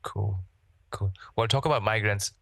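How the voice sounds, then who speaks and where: A man hosting an interview in a relaxed, casual way, repeating words as he goes. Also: on the low side, moderate pace, creaky, no room sound. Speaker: interview host.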